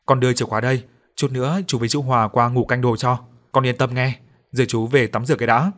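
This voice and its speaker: A man's voice: mid-range voice, steady tone, quick pace, lightly acted. A man voicing a fatherly middle-aged builder who speaks in a teasing, good-natured way. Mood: friendly. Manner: warm-hearted, teasing.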